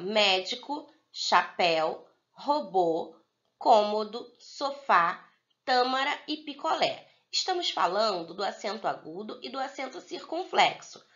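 Lively Brazilian teacher, lo-fi sound. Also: female voice, medium pitch. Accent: Brazilian Portuguese. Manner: slow, drawn-out word-by-word dictation for young pupils. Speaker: primary school teacher. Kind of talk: recorded video lesson for children.

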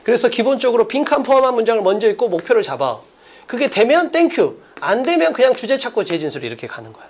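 A man's voice: very high voice, very animated, fast. A man lecturing on an English exam, emphatic and blunt, constantly firing rhetorical questions at his students. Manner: emphatic, quizzes listeners with rhetorical questions, blunt casual speech. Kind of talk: energetic classroom lecture.

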